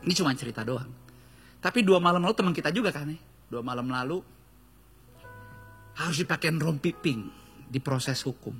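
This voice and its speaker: A male pastor with a Jakarta Indonesian accent preaching a lively, joking sermon full of storytelling and acted-out quotes. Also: on the high side, normal speed, long pauses, soft background music. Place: church stage.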